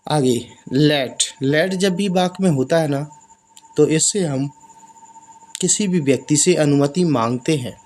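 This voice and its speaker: Guy teaching english basics, real slow, repeats phrases, drags words out. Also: fairly high pitch, darkish tone, a little hiss or hum. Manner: slow, drawn-out repetition of example phrases. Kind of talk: explaining lessons in Hindi.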